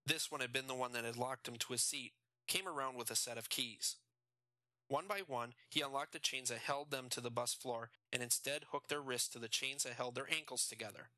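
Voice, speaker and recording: A man reading a crime novel aloud in steady, measured scripted narration. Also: mid-range voice, no echo. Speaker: audiobook narrator.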